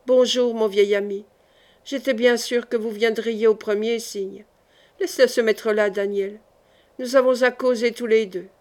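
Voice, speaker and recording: A woman reading the part of a gentle young man on his deathbed, soft, weary and affectionate. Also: a little high, steady tone, a little slow, natural voice. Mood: tender.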